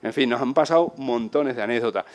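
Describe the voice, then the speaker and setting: A man's voice: medium pitch, quick pace. Man telling travel anecdotes in Andalusian Spanish. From Spain. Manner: animated, acts out voices of people he met. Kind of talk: casual storytelling talk.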